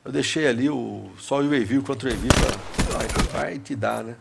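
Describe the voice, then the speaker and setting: Speaking at a moderate pace in a creaky mid-range voice, a gaming commentator with a Brazilian accent rambles casually and slangily over gameplay. The recording is very noisy, with clicking audible behind him.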